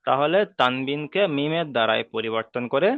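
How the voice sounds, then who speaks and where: Man, tajweed teacher, patient and repetitive, slow chanted examples, dry tinny phone-like sound. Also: medium pitch, dry recording. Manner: patient and repetitive, drilling rules and asking checking questions; chants Arabic sounds slowly when modelling them. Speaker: Quran recitation teacher. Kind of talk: online tajweed lesson.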